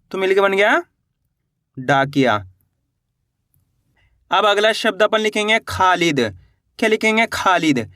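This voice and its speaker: A man teaching beginners to read and spell, sounding words out slowly syllable by syllable and quizzing his viewers with encouragement. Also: high-pitched, bright, forceful tone, no echo, clean studio sound. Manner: encouraging, addresses viewers as friends. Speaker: Hindi teacher.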